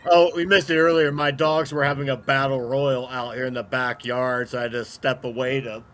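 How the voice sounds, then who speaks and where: A man hosting a casual group video call, talking in a relaxed, slightly hesitant way. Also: mid-range voice, fairly quick. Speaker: podcast host. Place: at home.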